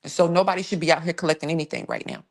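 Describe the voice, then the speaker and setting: Woman, low voice, true crime live-stream host: blunt, emphatic, chatty, talks straight to her viewers. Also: huge pitch swings, rapid-fire, gravelly. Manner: blunt, emphatic, conversational with sighs and restarts; reads viewer comments and thanks viewers while talking. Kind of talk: casual live-stream case commentary.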